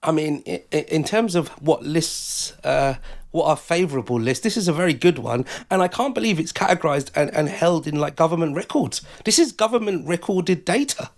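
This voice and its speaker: A man's voice: fairly high pitch, lively intonation, a little fast. A man co-hosting a radio show, bantering in a playful, wry, teasing way. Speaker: radio co-host.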